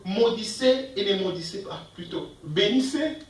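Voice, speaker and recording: A man's voice: sits high, animated, moderate pace, reverberant, distant mic, slight background noise, low-quality recording. A man preaching a sermon as pastor, emphatic, asking the congregation questions and reading verses aloud. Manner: reads scripture verses aloud between comments. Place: church.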